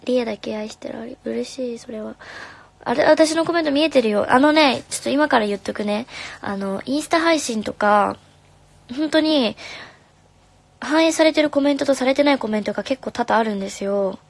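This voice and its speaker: A young woman, a singer, chatting casually on a live stream, reading comments in a soft, friendly way and sometimes whispering. Her voice is slightly hoarse. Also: fairly high pitch, fairly quick, no room sound. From Japan. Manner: soft and friendly, drops to whispers now and then. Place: home room. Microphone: phone.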